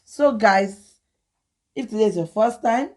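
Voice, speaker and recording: A woman's voice: mid-range voice, expressive, a little slow, darkish tone. A young woman with a Nigerian accent, co-hosting a food vlog and teasing her husband in casual chat. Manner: teasing, scolding, Pidgin-mixed chatter. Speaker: vlog co-host.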